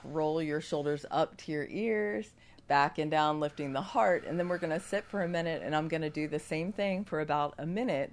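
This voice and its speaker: A woman guest on a radio yoga segment speaks with a gravelly voice, roughened by a cold. Her delivery is measured and instructional, suited to guided meditation and gentle movement cues. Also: low voice, a little hiss or hum. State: has a cold.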